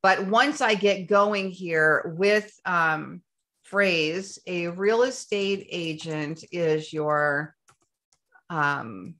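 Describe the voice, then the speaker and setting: A woman teaching SEO in a screen-share tutorial, talking enthusiastically and running short of breath from excitement. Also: low-pitched. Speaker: SEO instructor.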